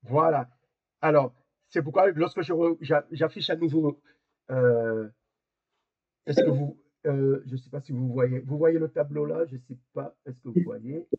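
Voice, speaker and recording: A man teaches a Hebrew class over a video call, his husky voice sitting fairly high. He explains haltingly, repeating small words as he searches for the next one. The call audio sounds dull and lo-fi. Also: fairly even intonation.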